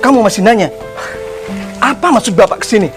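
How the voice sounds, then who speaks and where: A man's voice: high voice, lively intonation, a little fast, music in the background. An actor playing an arrogant rich father who scolds and scorns a poor young man. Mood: scornful. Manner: contemptuous, scolding.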